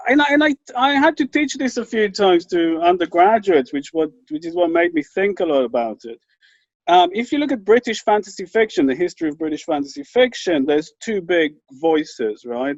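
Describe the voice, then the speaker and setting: A man talking as a writer on a panel, his voice pitched high and moving with lively swings. He is animated and conversational, restarting sentences as he goes. The call audio is dull and lo-fi. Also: no echo. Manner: animated, restarts sentences, many "you know" fillers.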